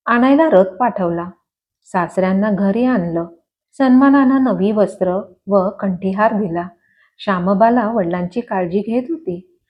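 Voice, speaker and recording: Lady reading a devotional tale, steady expressive telling, muffled sound. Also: mid-range voice. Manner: measured, expressive storytelling. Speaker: storyteller. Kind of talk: scripted devotional story narration.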